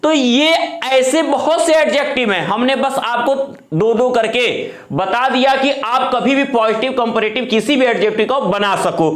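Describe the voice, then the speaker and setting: A male teacher walks through the grammar rules one step at a time. He keeps asking his own questions and then answers them. His voice sits very high for a man, and the room around him rings with echo. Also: moderate pace, hardly any pauses, a bit bright. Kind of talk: classroom lecture.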